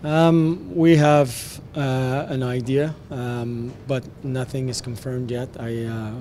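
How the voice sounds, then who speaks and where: A man in his forties with a French Canadian accent, a hockey head coach answering post-game press questions in a measured way, with frequent fillers and restarts. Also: mid-range voice, fairly even intonation, mellow, a little hiss or hum. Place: arena media backdrop, indoors. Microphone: handheld press mics close.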